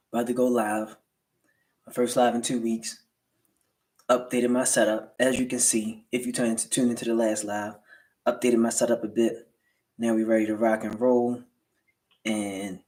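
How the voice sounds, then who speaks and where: A man's voice: medium pitch, a little mellow, poor audio. An American man hosting a casual motivational livestream, talking colloquially to viewers with speech slightly slurred by a swollen lip. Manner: colloquial motivational delivery with rhetorical check-ins. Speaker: livestream host, entrepreneur.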